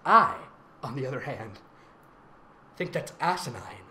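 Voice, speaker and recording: Medium in pitch but very animated, this man's sharp-toned voice keeps a measured pace as he hosts a comedic fan fiction reading. A voice actor by trade, he plays it theatrical, giggly and sarcastic, mocking the text as he goes. The room sounds echoey, with a faint noise floor.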